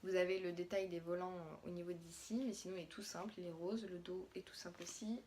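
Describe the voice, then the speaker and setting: A woman's voice: lowish voice, steady tone, fast, warm tone, slight background noise. A young French woman, a mother, chatting casually through a haul of her daughter's clothes with plenty of fillers and restarts.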